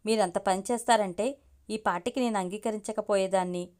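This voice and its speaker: A woman's voice: mid-range voice, fairly even intonation, fairly quick, a little mellow, lightly acted. A woman reading a story aloud, voicing a distraught young woman medical student who cries out her accusations. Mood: accusing. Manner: accusing, crying out.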